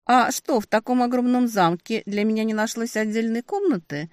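A woman voicing a fiery, indignant young demoness in an audiobook, pitched higher and louder than her narration. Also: big pitch swings, normal speed, no room sound, clean studio sound, close to an everyday voice. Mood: defiant. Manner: indignant, shouting accusations.

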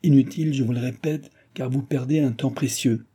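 A man's voice: on the low side, moderate pace, mellow, husky. A man playing a proud, mysterious stranger. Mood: defiant. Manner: proud, defiant, commanding. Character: calm, disdainful, mysterious male stranger. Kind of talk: audiobook reading.

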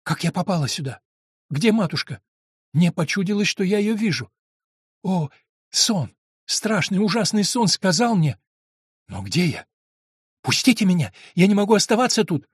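A man's voice: high-pitched, very animated, moderate pace, long pauses, slightly rough, no room sound, clean studio sound, pitched above the performer's own voice, full character voice. A man reading a novel aloud, voicing a frightened, innocent young woman who begs to be let go. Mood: bewildered, fearful. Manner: pleading, rising to alarm.

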